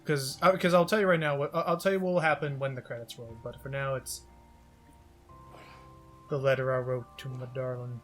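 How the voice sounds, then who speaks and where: A man's voice: medium pitch, fairly even intonation, a little fast, soft background music. A man giving casual, wordy commentary on a co-op game, explaining as he goes. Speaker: gaming video commentator.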